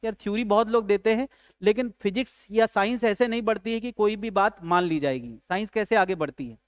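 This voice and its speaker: A man's voice: high voice, a little fast, clear, resonant tone, dry recording, studio quality. A male physics teacher giving a casual lecture, chatty, joking and asking and answering his own questions. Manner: chatty, calls students "yaar", asks and answers own questions; jokes with students.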